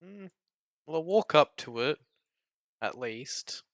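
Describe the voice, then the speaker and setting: A man's voice: a little high, animated, slow pace, a bit bright, lo-fi sound. A man playing a tabletop game, hesitant and joking. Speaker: player.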